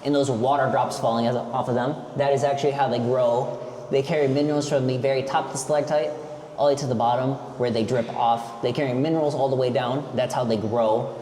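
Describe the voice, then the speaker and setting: Male cave guide, explanatory tour delivery, mid-pitched, heavily echoing cave acoustics with noise behind. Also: steady tone, a little fast, dark tone. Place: inside a cave, on a tour boat. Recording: echoey cave, long reverb, background noise.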